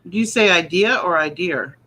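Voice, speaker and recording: A woman's voice: fairly low pitch, normal speed, bright, forceful tone, poor audio. A woman co-hosting a live show in casual chat, with a teasing, correcting manner. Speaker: live online show co-host. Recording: clear background noise.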